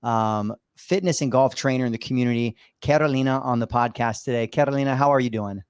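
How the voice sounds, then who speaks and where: A man's voice: medium pitch, a little fast, smooth, no room sound, clean studio sound. A man hosting a podcast, talking in an upbeat, loose way with many fillers. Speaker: podcast host. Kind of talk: casual interview chat.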